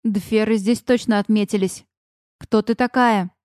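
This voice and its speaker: A woman voicing a calm, measured young male fairy mage who speaks slowly and deliberately. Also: medium pitch, no room sound, clean studio sound, pitched below the performer's own voice, lightly acted. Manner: slow, deliberate speech.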